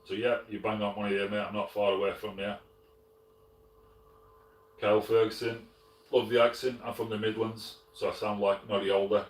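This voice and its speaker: A middle-aged man with a Sheffield Yorkshire accent, casually answering live chat as host, relaxed and full of fillers and restarts. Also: lowish voice, normal speed, pauses often, far from the mic. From Sheffield, England. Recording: roomy, from off the mic.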